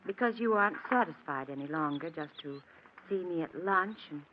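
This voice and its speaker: An actress in an old-time radio drama playing a lonely, gentle woman resisting forbidden love, earnest and measured. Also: low-pitched, expressive. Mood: regretful, firm. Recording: muffled, hissy old radio recording.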